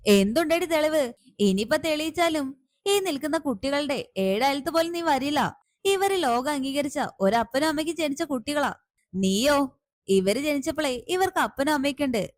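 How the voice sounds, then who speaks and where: A scheming, scornful aunt from a retold family serial, put on by a woman narrator. She fires off taunting questions in a high voice, heard close and dry. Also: animated, moderate pace, no room sound. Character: scheming middle-aged woman, harsh and scornful. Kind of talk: serial recap with acted dialogue.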